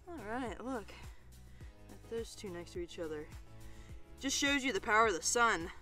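Bright-voiced enthusiastic American shearer. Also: mid-range voice. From United States. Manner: enthusiastic, admiring, talks while handling fleece. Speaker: sheep shearer. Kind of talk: casual vlog commentary.

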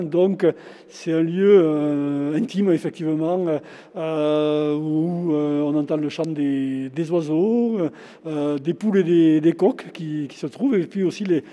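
Inside a large former chapel, a hesitant older Frenchman, a shop owner and local historian, speaks in a casual interview, stumbling through fillers and restarts. His voice runs on the high side with a dark tone. He wears a face mask and talks into a handheld interviewer mic, with the stone chapel's long reverb around him.

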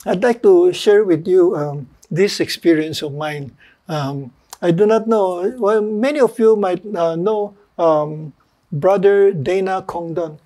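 An older man delivers an earnest sermon. His voice sits fairly high yet sounds mellow and warm. He speaks slowly and pauses often on fillers. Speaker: lay preacher.

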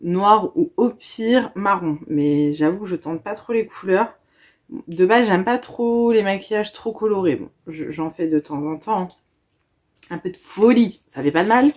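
A woman's voice: mid-range voice, unhurried, darkish tone. A young woman, gushing and chatting casually as she unboxes a gift box for her viewers.

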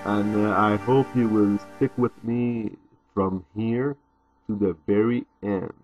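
With a lowish, darkish voice and fairly even intonation, this native French-speaking man with a French accent hosts a let's play, commenting casually and haltingly. Video game music plays behind him, and the audio is poor.

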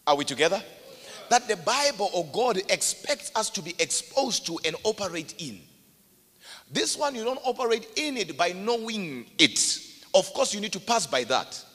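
Emphatic preacher in a reverberant hall. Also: male voice, sits high, big pitch swings, moderate pace, a bit bright. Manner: emphatic, calls for congregation responses. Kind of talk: sermon. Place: church hall.

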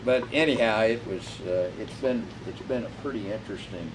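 Over a noisy crowd, a fairly quick, low-voiced man makes casual conversation in an aircraft hangar. He's the restorer and pilot of a warplane, and he swears freely and rambles, leaning on fillers. The microphone sits far away and background noise is audible.

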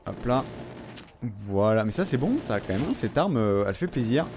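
A man's voice: on the low side, big pitch swings, moderate pace, over music. Rambling, swearing gamer guy. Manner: swearing, rambling, frequent fillers. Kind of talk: casual gameplay commentary.

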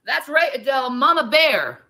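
A woman in an angry livestream rant, hurling profane, confrontational lines at critics. Her voice sits high, with a sharp, bright edge and big pitch swings. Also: very animated, normal speed. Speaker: livestreamer in a played clip.

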